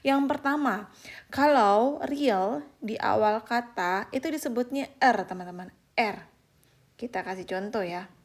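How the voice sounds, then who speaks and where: A young woman giving a patient online beginner language lesson, repeating example words slowly and often addressing her viewers as friends. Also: a little high. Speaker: Korean language teacher.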